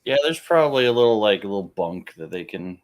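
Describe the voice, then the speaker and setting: A man playing in a tabletop game, calmly describing his character's actions in the third person. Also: lowish voice, fast talker. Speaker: player. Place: online voice call.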